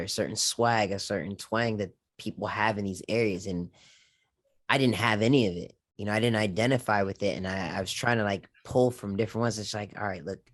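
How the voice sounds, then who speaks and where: Laid-back man with a low voice. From Japan. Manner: casual, easygoing storytelling with lots of fillers. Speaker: guest content creator. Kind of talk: relaxed podcast conversation.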